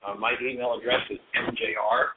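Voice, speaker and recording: A man's voice: medium pitch, little pitch movement, brisk, a little hiss or hum. A man hosting a call-in radio show, his voice echoing and breaking up over the line as he talks patiently. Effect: echoing, breaking-up phone line. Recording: tinny phone-like line.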